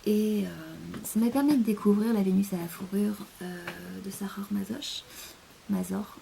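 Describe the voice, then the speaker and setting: A woman's voice: mid-range voice, normal speed, gravelly, mellow, a little hiss or hum. A young French woman chatting in a casual rambling monologue, hesitant, with many fillers, often sinking to a near-whisper. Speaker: vlogger.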